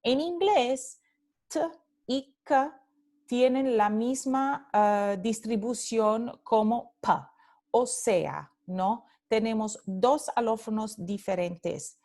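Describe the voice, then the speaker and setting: A woman's voice: a little high, takes it slowly, dark tone. A woman teacher giving a recorded phonetics lecture, explaining step by step and repeating example sounds and words, with short asides in English.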